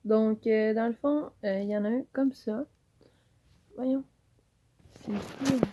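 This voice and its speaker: A woman's voice: fairly high pitch, fairly even intonation, slow, dark tone, slight background noise. A woman with a Quebec French accent chatting through a casual giveaway unboxing in her home office, rambling and upbeat. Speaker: YouTuber. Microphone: camera mic.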